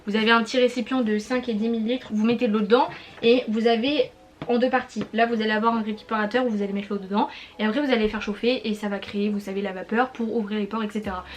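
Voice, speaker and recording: A woman's voice: a little high, fairly even intonation, quick pace. A young woman, chatting casually in a product review vlog, rambling with lots of fillers and restarts. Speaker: YouTuber.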